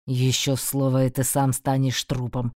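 A woman voicing an angry, threatening young male guardian in an audiobook, speaking low and tense. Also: completely flat delivery, measured pace, darkish tone, no echo, studio quality.

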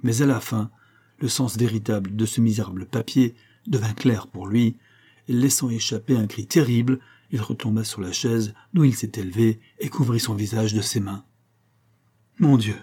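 A man narrating a classic novel as an audiobook, in a measured, dramatic reading. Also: on the low side, fairly even intonation, dark tone, breathy edge.

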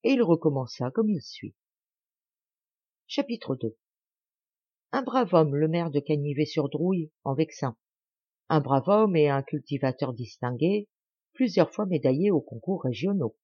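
A woman's voice: low-pitched, unhurried, pauses often, breathy edge, no room sound, lo-fi sound. A woman narrating a classic tale as an audiobook, reading expressively. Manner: expressive, lively character reading.

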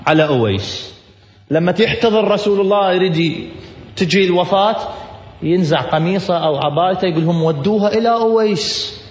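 A man's voice: sits high, fairly quick. A man preaching with an Iraqi accent, telling stories and repeating his points with passion. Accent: Iraqi Arabic. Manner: impassioned, emphatic repetition. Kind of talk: storytelling sermon. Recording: echoey hall, slightly dull sound.

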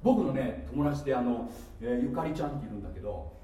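A man preaching a sermon, playful and animated, with asides and laughter, recorded from a distance in a church hall. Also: mid-range voice, quick pace. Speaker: pastor. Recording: echoey hall from far off with faint noise.

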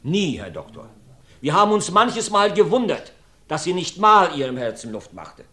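A little high and very animated, this man's pushed, bright voice moves at a moderate pace as he plays a talkative country farmer on the witness stand in a radio play. He tells his testimony like a folksy, rambling storyteller, and the studio sounds roomy.

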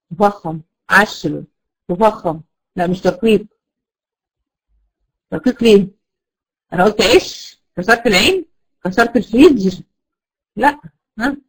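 Teaching Quran recitation rules online, a woman with an Egyptian Arabic accent goes through the material step by step and frequently makes sure her students keep up. Her voice sits at a medium pitch, and the recording is rough.

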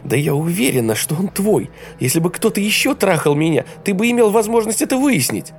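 Male narrator doing a tearful young woman in an audiobook, pitched up high, breaking into shrill, gravelly shouts. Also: sing-song, a little fast, soft background music. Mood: defiant. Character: young woman, hurt, pleading, then furious.

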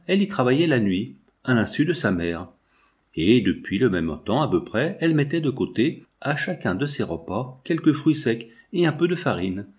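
A man reading a classic novel aloud in measured literary narration. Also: medium pitch, darkish tone.

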